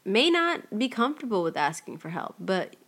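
A woman's voice: medium pitch, very animated, normal speed, fairly bright tone. A young woman co-hosting a casual talk podcast, thoughtful, laughing often and repeating words as she thinks. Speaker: podcast co-host. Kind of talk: casual conversation.

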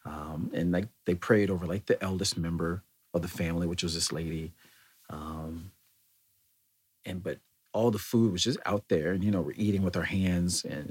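A low, husky male voice tells a rambling personal anecdote in a casual way. He keeps correcting himself and chuckles as he goes along.

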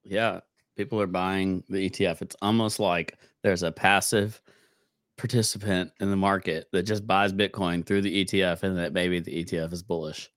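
Male podcast co-host with a smoker's rasp: low-pitched, casual and wry, recorded dry. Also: steady tone, moderate pace, fairly bright tone, no room sound. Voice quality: smoker's rasp, voice rough and odd. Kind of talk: casual market chat.

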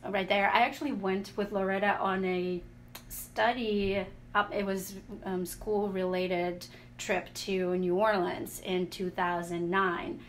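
A woman researcher from Latvia, an interview guest speaking in a measured, earnest way. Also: medium pitch, flat delivery, slight background noise. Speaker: co-author and researcher.

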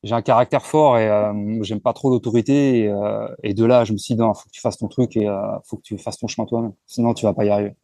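Male interview guest, 40s; mellow, frank, hesitant, dry close recording. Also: on the low side, quick pace, hardly any pauses, no echo. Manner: relaxed, frank, with frequent hesitations and restarts. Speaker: entrepreneur guest. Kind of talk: casual conversational interview.

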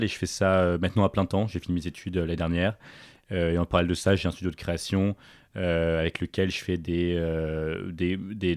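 Un jeune homme de Paris, invité d'un podcast, qui raconte son parcours sur un ton détendu, avec beaucoup d'hésitations et de reprises. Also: male voice, low-pitched, no echo, clean studio sound. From Paris, France. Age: young adult. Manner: relaxed, full of fillers and restarts. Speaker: podcast guest, entrepreneur. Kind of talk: casual interview chat.

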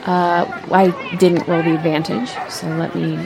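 Slow-talking woman player, chatty crowd behind. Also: fairly low pitch, little pitch movement. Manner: slow, thoughtful, describes actions with hesitations. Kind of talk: tabletop game play.

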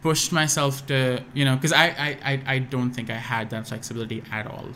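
Speaking with an American accent, a young Pakistani musician guests on a casual podcast, and his thoughts loop around through fillers, false starts and restarts. His voice is mid-range and brisk, bright and forceful, with little pitch movement. Slight background noise and a faint room ambience are audible.

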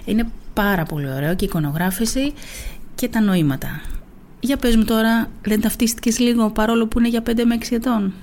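A woman reading a children's storybook aloud with lively expression, then chatting casually about it to her listener. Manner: expressive reading, voicing quotes with pitch lifts and whispers; casual, chatty comments with fillers after the reading. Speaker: children's book reader.

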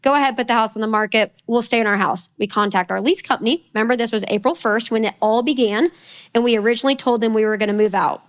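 A woman in her forties with a Texan accent, telling a story in a casual, animated sermon at church, full of self-mocking asides. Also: on the high side, quick pace. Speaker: speaker at church. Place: church sanctuary.

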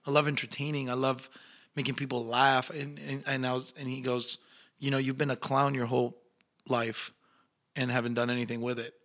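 A young Argentine man, a native Spanish speaker, speaks English with an Argentine accent as an actor guest in a casual interview. His bright, forward, mid-pitched voice moves briskly as he tells loose, animated stories and acts out the voices of people he quotes.

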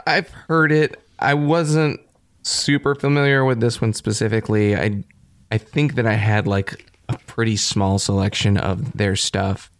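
A man co-hosting a podcast who talks with enthusiasm, often pausing to search for his words. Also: on the low side, steady tone, dry recording. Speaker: podcast co-host. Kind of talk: casual chat.

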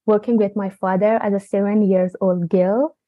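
A woman's voice: mid-range voice, steady tone, normal speed, dry recording, narrow, tinny audio. A young woman from Afghanistan, a student engineer, answering earnestly in second-language English. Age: young adult. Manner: earnest, non-native grammar. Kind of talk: interview answers.

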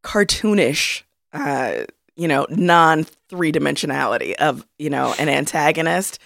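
A woman co-hosting a podcast, talking in an animated, opinionated and slangy way. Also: deep voice, measured pace, gravelly. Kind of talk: casual chat.

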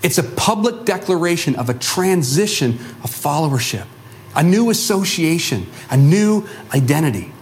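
A man preaching a sermon as a pastor, telling a Bible story in an animated way and acting out the voices of the people in it. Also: fairly high pitch, normal speed, slight background noise. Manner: animated, acts out quoted voices.

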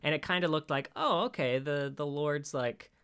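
A man's voice: a little high, moderate pace, fairly bright tone, clear, resonant tone. A man co-hosting a podcast, chatting casually about a movie with dry, sarcastic quips. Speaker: podcast co-host. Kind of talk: casual movie recap chat.

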